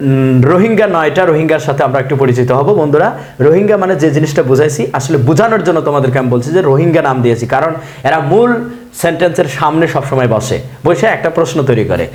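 A man with a somewhat high voice teaching a spoken English lesson in an echoey room. He talks in a chatty way, repeating words to drill them and asking and answering his own questions. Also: expressive, very fast, darkish tone.

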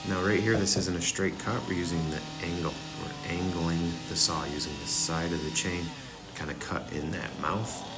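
With loud music behind him, a young man gives a casual voice-over tutorial on chainsaw carving, calmly walking viewers through each cut step by step. His voice is deep and his speed normal.

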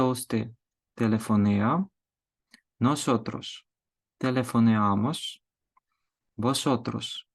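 A male language teacher giving a grammar lesson, slowly and deliberately drilling verb forms word by word. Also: medium pitch.

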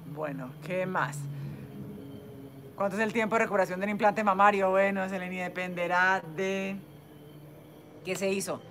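A woman's voice: medium pitch, fairly even intonation, normal speed, pauses often, a bit bright, slight background noise. A woman plastic surgeon with a Caleño Colombian accent answers viewers' questions on a phone live stream, in a chatty, explanatory way that keeps checking in with "¿sí?". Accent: Caleño Colombian Spanish.

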